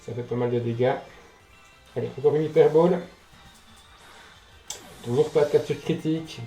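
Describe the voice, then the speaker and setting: A man with a mellow, medium-pitched voice hosts a casual gaming let's play. He reacts out loud, swears and addresses the game directly. The room is echoey, with music playing behind him. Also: steady tone, normal speed. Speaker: gaming video host.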